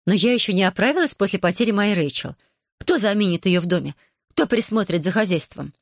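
A woman's voice: mid-range voice, lively intonation, fast, no room sound, clean studio sound. A woman reading an audiobook, voicing a fretful, spiteful plantation mistress who whines and hisses her complaints. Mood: whining. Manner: whining, hissing, complaining.

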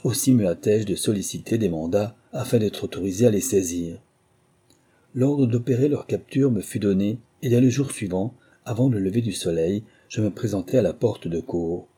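A man with a French accent reading a memoir aloud in a measured, literary first-person style. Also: on the low side, warm tone, breathy edge. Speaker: audiobook narrator. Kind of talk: scripted first-person narration.

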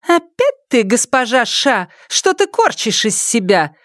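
A spiteful, furious young sister hurls insults in a high, strained voice, as a man reading aloud plays her. Her tone is hateful, with wide swings in pitch, recorded close and dry. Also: sing-song, brisk, dry recording.

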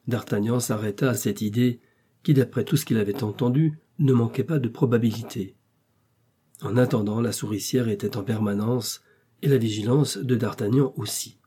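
Mellow-voiced male audiobook narrator. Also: medium pitch, slightly rough. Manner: measured, steady storytelling. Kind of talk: scripted literary narration.

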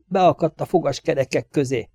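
A man's voice: fairly high pitch, warm tone, no echo, pitched above the performer's own voice. A man reading a male agent's lines in an audiobook, strained and clipped.

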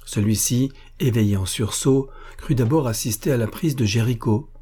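A man narrating an audiobook of a classic novel, measured and expressive. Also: medium pitch, breathy edge.

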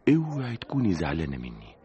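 A man's voice: extremely low pitch, wildly swooping pitch, fast, mellow, highs cut off, full character voice. An actor with an Egyptian accent playing a lovesick young man who pleads tenderly and intensely in a radio drama. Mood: pleading. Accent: Egyptian Arabic. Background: music.

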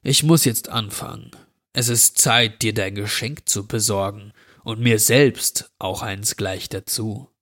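Man voicing a slow, drawling sinister stranger. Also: fairly low pitch, fairly bright tone. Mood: mocking. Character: sinister drawling man, dirty, menacing wish-granter. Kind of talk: horror story reading.

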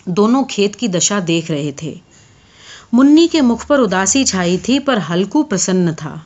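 A woman narrating a literary short story in a steady, measured reading. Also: medium pitch. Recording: dull lo-fi audio.

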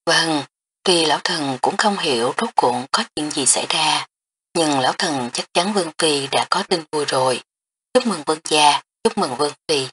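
A woman's voice: sits low, lively intonation, moderate pace, fairly bright tone, a little hiss or hum. A woman reading an audiobook, voicing an old male imperial physician who stammers and speaks deferentially. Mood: astonished, deferential.

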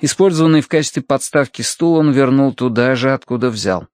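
A man reading a novel aloud as an audiobook narrator, in measured, steady storytelling with acted pauses. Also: mid-range voice, no echo, studio quality. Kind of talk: scripted narration.

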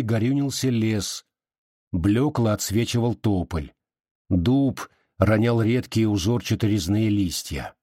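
A man narrating a literary novel in a measured, expressive reading. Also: fairly low pitch, slightly rough, no echo, studio quality. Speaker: audiobook narrator.

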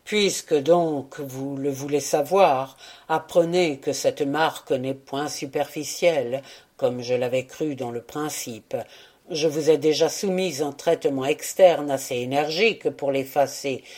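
A woman's voice: very deep voice, fairly even intonation, unhurried, darkish tone, voice pushed down. A woman doing an intense, anxious male scientist. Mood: grave. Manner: urgent, intense delivery. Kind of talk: audiobook character reading.

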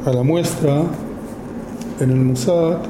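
A man in his fifties from Argentina with an Argentine Spanish accent, speaking informally to an audience about his work, slowly and with many pauses and fillers. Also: fairly high pitch, fairly even intonation, reverberant, background noise. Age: 50s. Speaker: photographer giving a talk.

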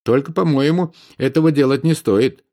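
A man reading an audiobook, voicing a brash, boastful adult prince in a raised, animated voice. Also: a little high, moderate pace, pitched above the performer's own voice, lightly acted.

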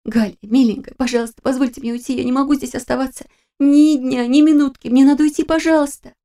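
A woman's voice: sits low, steady tone, quick pace, gravelly, dark tone, slightly rough, exaggerated voice. A woman voicing a frightened young woman servant who pleads in a tearful voice. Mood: pleading.

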